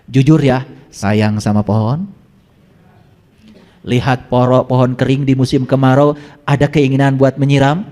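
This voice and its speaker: A man preaching a sermon to a live audience, quizzing listeners and swinging between high exclamations and low asides. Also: level tone, a little slow, pauses often, dark tone. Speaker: Islamic preacher. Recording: long hall reverb.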